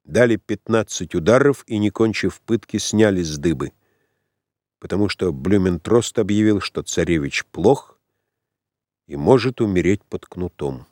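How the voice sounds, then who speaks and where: A man narrating an audiobook in a measured, dramatic reading. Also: sits low, animated, darkish tone, dry recording, clean studio sound.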